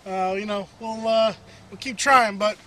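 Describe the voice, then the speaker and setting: Man in his 30s, high voice, easygoing fishing host, loose and jokey, outdoors on camera mic, faint background hiss. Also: fairly even intonation, unhurried, pushed and bright. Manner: easygoing, joking, lots of filler words. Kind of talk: casual outdoor fishing vlog. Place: outdoors by a canal. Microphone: camera mic, medium shot.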